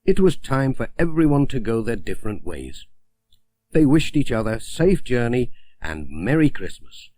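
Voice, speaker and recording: With a mid-range voice, a man reads a children's story as an audiobook narrator, telling it gently and expressively.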